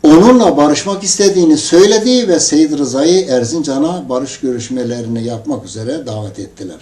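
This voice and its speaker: A man's voice: on the high side, lively intonation, fairly quick, warm tone. A man preaching to his congregation, telling a story with emphatic, rising outbursts. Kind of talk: impassioned storytelling sermon. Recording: echoey room, distant mic.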